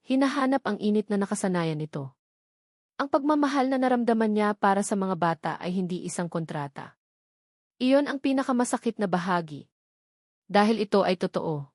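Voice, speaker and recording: In clean studio sound with no room ambience, a woman with a Filipino accent serves as narrator of a scripted, dramatic romance. Her mid-range voice has a slightly mellow quality.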